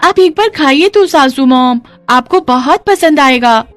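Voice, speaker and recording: A woman voicing a naive young foreign bride who speaks broken, ungrammatical Hindi in a high, childlike voice. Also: animated, unhurried, no room sound, soft background music. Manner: broken Hindi grammar, wide-eyed.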